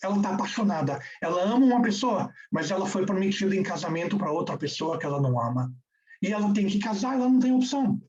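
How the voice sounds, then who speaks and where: A man lecturing and telling a story, animated and repeating words for emphasis. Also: sits high. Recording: distant, dull recording.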